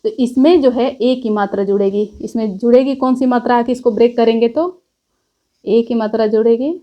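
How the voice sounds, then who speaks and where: A woman teaches a grammar lesson. Her voice sits a little high, and she explains patiently. She stops often to check that her listeners follow. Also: steady tone, brisk, muffled recording. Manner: explains step by step with repeated checks.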